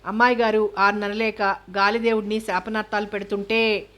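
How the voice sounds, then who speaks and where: A woman voicing a playful young village girl, devoted and chatty, talking in rapid, confiding bursts. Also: medium pitch, flat delivery, fairly bright tone, lightly acted. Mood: earnest.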